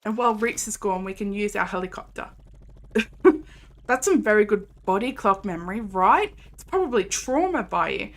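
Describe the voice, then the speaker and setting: A woman's voice: mid-range voice, animated, moderate pace, a little hiss or hum. A young woman streaming a game and chatting casually with viewers, rambling with lots of fillers and laughs. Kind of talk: casual live-stream chat.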